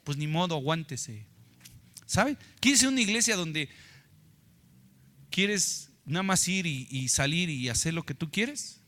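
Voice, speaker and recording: Male pastor, high bright voice, lively teasing sermon delivery. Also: unhurried, pauses often. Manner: animated, acts out complaining voices, teasing. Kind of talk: live sermon.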